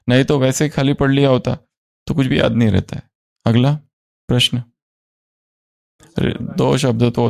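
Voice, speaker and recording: A man's voice: mid-range voice, creaky, darkish tone. A man leading a spiritual study class, quizzing the group with questions and repeating their answers.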